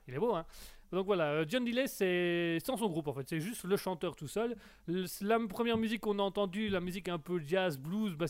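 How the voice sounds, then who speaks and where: A man's voice: fairly high pitch, dry recording. A man hosting a live call-in radio show, chatting casually and rambling with repeated restarts.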